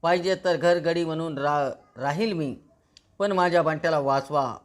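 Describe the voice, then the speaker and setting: A man's voice: fairly high pitch, moderate pace, natural voice. A man voicing a desperate pleading village aunt. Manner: pleading, scolding.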